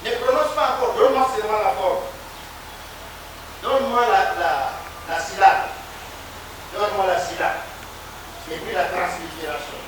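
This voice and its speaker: Lecturer repeating himself in an echoey classroom. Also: male voice, high voice, normal speed, pauses often. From Democratic Republic of the Congo. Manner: repetitive, coaxing, quizzes students. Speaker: Hebrew lecturer. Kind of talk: classroom teaching. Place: university classroom. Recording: echoey noisy classroom from far off.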